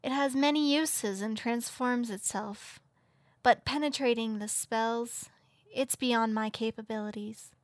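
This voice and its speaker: A man's voice: very high-pitched, no echo, voice pushed up. A man voicing a frail, dying fay queen, in a weak, solemn and formal voice. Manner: solemn, slow, formal speech. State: weak and faint. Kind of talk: audiobook character voice.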